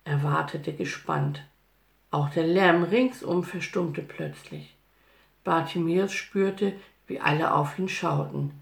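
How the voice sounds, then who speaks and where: A woman narrating a children's Bible story in an expressive, lively storytelling manner. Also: deep voice, slow, creaky. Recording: roomy echo.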